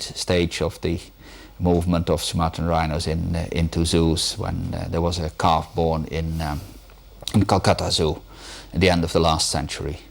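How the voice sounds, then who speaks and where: A man gives an expert interview for a documentary. His voice is very low and creaky, and he speaks haltingly, searching for words. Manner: halting, pausing to find words.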